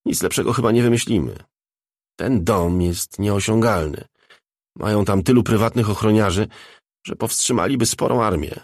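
A man voicing a crude, cold crime boss who speaks calmly and flatly. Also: fairly low pitch, moderate pace, no echo, clean studio sound, lightly acted. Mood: detached. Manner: calm, detached, swearing.

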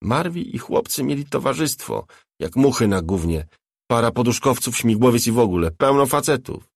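A man narrating a novel as an audiobook, measured and even. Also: medium pitch, no room sound, studio quality.

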